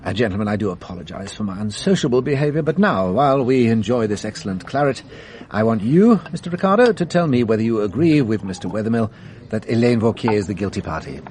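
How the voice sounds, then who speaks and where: A man's voice: on the low side, animated, darkish tone, natural voice. A man acting in a radio drama as a shrewd, genial, self-assured French police inspector with a theatrical, musing manner. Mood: suave, courteous. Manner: theatrical, musing, savours his pauses.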